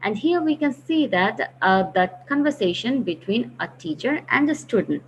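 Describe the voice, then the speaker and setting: A woman teaches grammar in a recorded online lesson, her fairly high voice very animated at a moderate pace. She explains patiently and repeats key phrases, and the lo-fi recording sounds dull with a faint hiss.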